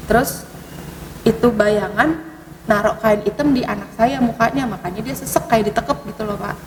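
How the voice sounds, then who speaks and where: A woman recounts eerie events in relaxed conversation, hesitant and full of fillers, her pitch jumping up as she talks. Her fairly high voice sounds distant from the mic, carried in a long, echoing hall, with clear background noise. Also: normal speed. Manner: hesitant, many fillers, sudden rises in pitch. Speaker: podcast guest telling ghost stories. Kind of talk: casual storytelling conversation.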